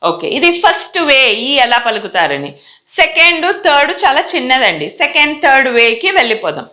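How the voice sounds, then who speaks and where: A woman with a Telugu accent teaching English pronunciation slowly, spelling words letter by letter and repeating them for her viewers. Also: high-pitched, very animated, bright, forceful tone. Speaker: spoken English tutor. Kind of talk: slow classroom pronunciation lesson. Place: indoor teaching setup with a screen.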